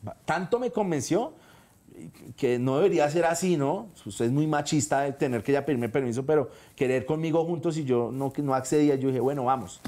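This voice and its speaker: A man in his thirties with a Colombian accent, a guest telling a personal story on a comedy talk show, animated and earnest, acting out the dialogue he quotes. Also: a little high, brisk. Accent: Colombian Spanish.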